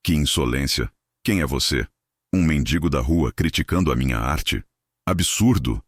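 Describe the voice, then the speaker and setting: A man's voice: very deep voice, lively intonation, moderate pace, slightly rough, no room sound, clean studio sound, exaggerated voice. A man voicing an arrogant, indignant male orchestra conductor. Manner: haughty, indignant.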